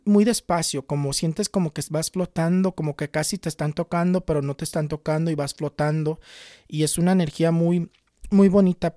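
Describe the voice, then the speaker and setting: A man in his twenties, a tarot reader and spiritual healer, telling a personal story in an earnest, unhurried way with frequent restarts. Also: high-pitched, warm tone, dry recording, studio quality. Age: 20s. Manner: earnest, unhurried, often restarts and repeats words. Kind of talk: casual personal storytelling to camera.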